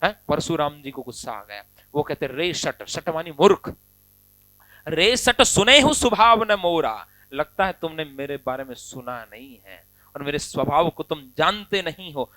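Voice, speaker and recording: Male teacher, high-pitched, dry close sound; chants verse slowly, then explains chattily. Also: expressive, no echo. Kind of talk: poetry lesson, recitation with explanation.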